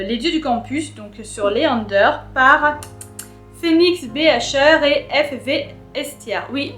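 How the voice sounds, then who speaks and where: A young woman talks in a loose, casual way, full of hesitations and restarted phrases. Her voice sits a little high. The room is echoey, with soft music playing faintly behind her. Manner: rambling, many fillers and restarts. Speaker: booktuber. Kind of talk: casual chat.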